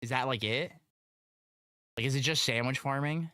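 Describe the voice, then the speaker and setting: A streamer chatting casually and reacting in an expressive, slangy, exclamatory way. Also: mid-range voice, moderate pace, no echo, clean studio sound.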